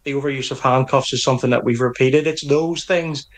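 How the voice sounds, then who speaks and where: With a steady tone and a slightly fast pace, a middle-aged man with a Northern Irish accent speaks for a police association in an interview. His mid-range voice sounds earnest and firm, and he keeps restarting his phrases.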